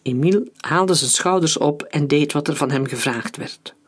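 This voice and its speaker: A narrator reading an adventure story aloud in a steady, dramatic audiobook style. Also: mid-range voice, normal speed, husky.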